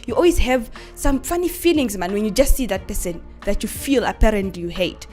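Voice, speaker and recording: A woman's voice: mid-range voice, animated, brisk, darkish tone, faint music behind. A woman contributing to a radio show, talking earnestly and asking rhetorical questions. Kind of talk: casual radio chat.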